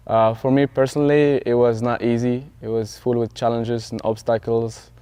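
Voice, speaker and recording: A man's voice: mid-range voice, flat delivery, normal speed, dark tone, clean tone. A young man from Morocco, a parkour athlete and stuntman, talking reflectively in a sit-down interview. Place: dark studio with curtain backdrop.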